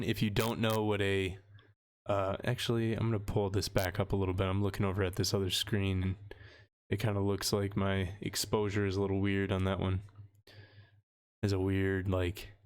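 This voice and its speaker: Young male streamer, lowish voice, relaxed and rambling, quick to laugh. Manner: rambling, easygoing, laughs often. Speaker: livestream host. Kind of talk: casual livestream chat. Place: home room with shelves of books.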